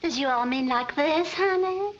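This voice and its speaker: A woman's voice: high voice, moderate pace, a little hiss or hum, natural voice. A woman playing a coy con woman faking a Southern drawl. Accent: put-on American Southern. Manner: coy, breathy swooning and pleading. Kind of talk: 1940s film acting. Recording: dull old 1940s film soundtrack.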